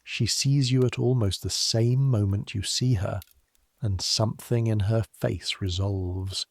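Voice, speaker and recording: Low gravelly guy reading a sleepy history story, slow and calm, dry close sound. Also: dry recording. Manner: measured, unhurried, softly grave. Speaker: narrator. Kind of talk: calm second-person history narration for sleep.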